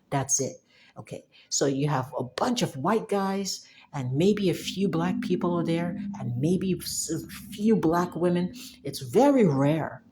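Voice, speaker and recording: A young software developer from Cameroon addresses the camera in a low, warm voice. Her casual monologue is emphatic, full of restarts and frequent laughter.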